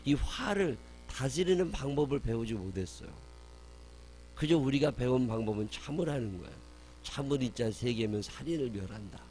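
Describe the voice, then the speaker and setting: A male pastor preaching a sermon in a church, pitched in an ordinary middle range. He asks his listeners question after question and drives each answer home with emphatic repeats. A faint electrical hum runs underneath. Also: expressive, normal speed, darkish tone.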